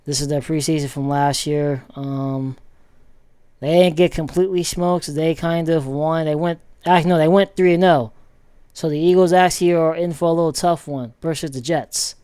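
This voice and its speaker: A man casually rambling through football commentary with many pauses and restarts. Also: a little high, steady tone, a little mellow, clear, resonant tone, no room sound. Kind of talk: casual sports commentary vlog.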